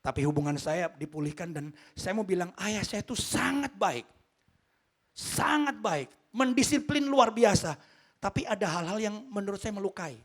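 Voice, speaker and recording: A male pastor preaching a sermon, telling a story and addressing the congregation directly, swinging between loud outbursts and hushed lines. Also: high-pitched, lively intonation, normal speed.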